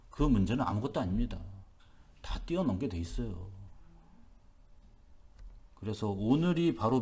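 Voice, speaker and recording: A man's voice: medium pitch, dark tone. A male pastor giving an early-morning sermon, emphatic and repetitive, asking rhetorical questions. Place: church.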